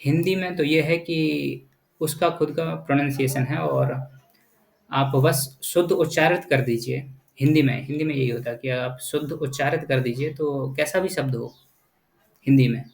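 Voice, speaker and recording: A man's voice: fairly high pitch, normal speed, gravelly. Patient male teacher, echoey room. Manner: patient, repetitive, checks in with "right?". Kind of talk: explanatory lesson.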